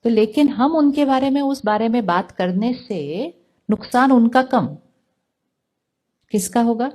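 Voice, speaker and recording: A woman giving a calm spiritual talk, putting questions to her listeners and answering them herself. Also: fairly high pitch, measured pace. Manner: calm, asks the audience rhetorical questions. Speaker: spiritual teacher.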